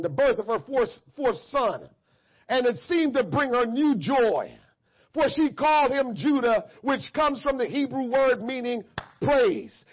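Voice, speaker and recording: A man preaching a fervent sermon, impassioned, often shouting and calling out to the congregation. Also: very high voice. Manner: impassioned, shouting, call-and-response. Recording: dull lo-fi church recording.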